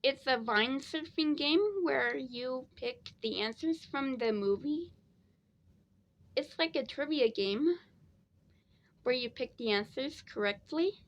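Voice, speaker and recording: Sleepy woman, high voice, rambling home review, dull lo-fi sound. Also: takes it slowly. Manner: rambling, repeats herself. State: tired, sleepy. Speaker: DVD reviewer. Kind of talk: casual review vlog.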